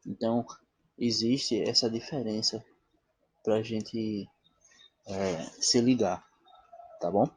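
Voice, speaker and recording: Male teacher, slow deliberate lecture, low husky voice, dry close sound. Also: fairly even intonation, no echo. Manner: checks in often with "tá bom?" and "né?"; asks questions and answers them himself. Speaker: literature teacher. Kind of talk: classroom-style lecture.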